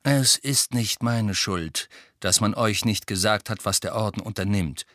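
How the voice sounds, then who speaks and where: Male reader as a calm, firm wizard, mid-pitched, bright and dry. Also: normal speed, dry recording, natural voice. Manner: calm, direct. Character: calm adult wizard godfather, firm and blunt.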